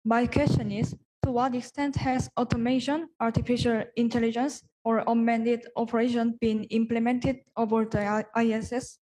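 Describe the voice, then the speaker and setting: A woman's voice: on the high side, level tone, moderate pace, hardly any pauses, warm tone, rough recording. A young woman, a student from South Korea, asking a prepared formal question. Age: young adult.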